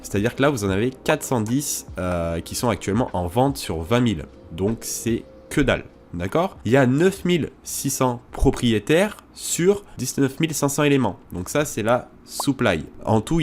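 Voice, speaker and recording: A man's voice: on the low side, darkish tone, a little hiss or hum. A man hosting a crypto tutorial, talking casually through a screen walkthrough with hesitations and asides.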